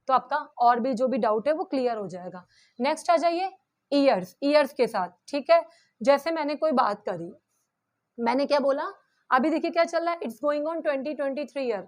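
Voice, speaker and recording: A young Indian woman with an Indian accent teaching an English grammar lesson, patiently explaining and reading example sentences slowly. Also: sits high. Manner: keeps checking in with "ठीक है".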